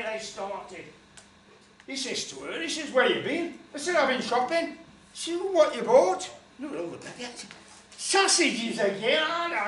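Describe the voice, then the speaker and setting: With a high, fairly bright voice, the older man entertains a small folk club with a meandering comic tale packed with asides, gesturing broadly on his feet. A faraway camera picks up roomy, distant sound with a little hiss or hum.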